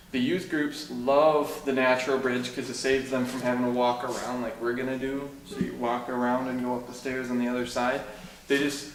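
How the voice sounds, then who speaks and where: A man's voice with heavy cave echo. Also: medium pitch. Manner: casual, explanatory, with frequent fillers. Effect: strong cave echo. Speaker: cave tour guide. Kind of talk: guided tour talk. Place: inside a cave. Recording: echoey cave, distant, noisy.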